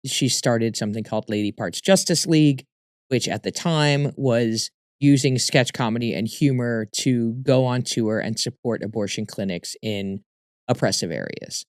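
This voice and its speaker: A man talking casually as an interview guest, a comedian telling stories in an animated way with emphatic repeats. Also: medium pitch, unhurried, dry recording, studio quality.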